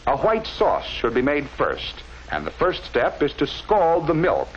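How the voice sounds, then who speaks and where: In the style of a 1940s training film, a man with a slightly high voice narrates over a muffled, faintly noisy vintage soundtrack. His pitch swoops wildly, yet his explanations stay measured and instructive, each term pronounced with care.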